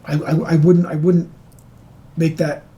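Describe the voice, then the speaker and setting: A man from a water board answering interview questions in a deliberate, earnest way. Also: fairly high pitch, level tone, dark tone, poor audio. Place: on a tour of the water department.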